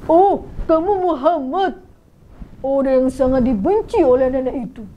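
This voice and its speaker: A woman's voice: sits high, animated, unhurried, a little hiss or hum. Nosy neighbor woman, put on by a storyteller. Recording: muffled radio studio audio.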